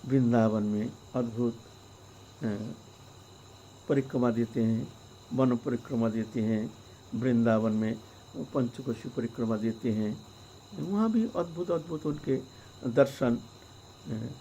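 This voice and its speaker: A man's voice: mid-range voice, slow pace, pauses often, dark tone, muffled recording, a little hiss or hum. A male preacher telling a devotional story in a conversational way, with frequent fillers and rhetorical asides.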